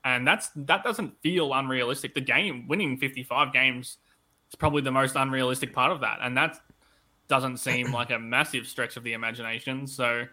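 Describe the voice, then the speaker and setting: Male sports podcast co-host, very bright forward tone, conversational and analytical, voice touched by tonsillitis. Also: medium pitch, fairly even intonation, moderate pace. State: tonsillitis-affected voice that comes and goes. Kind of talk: casual sports podcast chat.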